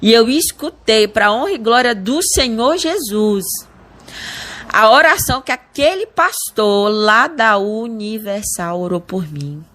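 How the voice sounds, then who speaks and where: A woman's voice: fairly high pitch, lively intonation, unhurried, a bit bright. A woman with a Brazilian accent giving an earnest spoken religious testimony, often restarting and repeating words. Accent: Brazilian Portuguese. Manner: earnest, addresses listeners as brothers. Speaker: church member giving testimony.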